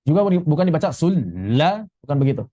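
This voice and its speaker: A man teaching tajwid, explaining quickly and then reciting example words slowly and carefully. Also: fairly high pitch, big pitch swings, warm tone, no room sound. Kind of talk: Quran recitation lesson.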